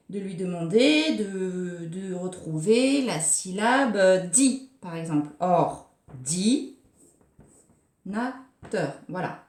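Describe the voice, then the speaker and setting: A woman preschool teacher giving a recorded lesson for young children, speaking slowly and articulating each syllable with care. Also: medium pitch, a little mellow. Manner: slow, carefully articulated, scanning syllables. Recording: roomy echo.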